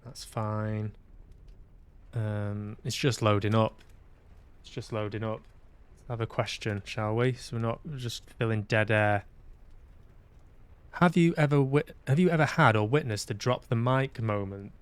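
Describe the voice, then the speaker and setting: His lowish voice has a clean tone, unhurried with frequent pauses. The man is a livestream host from Manchester, UK, chatting casually while gaming, hesitant and musing to himself aloud.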